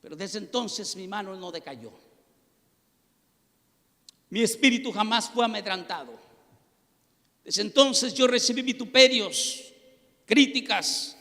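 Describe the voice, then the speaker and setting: Pastor, male, high bright voice, fervent testimony sermon, long hall reverb. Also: slow, pauses often. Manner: impassioned, rising to near-shouts at peaks.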